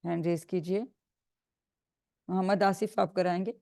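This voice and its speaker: Warm-voiced woman teaching on a video call. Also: fairly low pitch, fairly even intonation, normal speed, gravelly, no room sound, studio quality. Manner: patient, coaxing, repeats and corrects. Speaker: Arabic grammar teacher. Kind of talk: online class drilling students.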